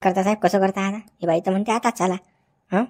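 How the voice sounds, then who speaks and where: A woman acting in a village comedy skit, questioning and calming in a chattering way. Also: medium pitch, brisk, lightly acted. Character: village woman, then police constable.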